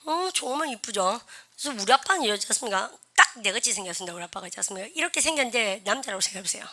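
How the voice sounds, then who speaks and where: A woman's voice: a little high, pushed and bright. A woman teaching an English conversation class at a blackboard, calling out drills for her learners to repeat and chatting with them between points. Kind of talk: classroom lesson.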